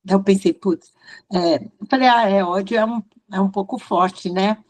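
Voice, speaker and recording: A woman's voice: mid-range voice, moderate pace, rough recording. Brazilian woman telling a story on a call. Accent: Brazilian Portuguese. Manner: storytelling, acts out quoted exchanges. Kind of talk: casual group mentoring chat.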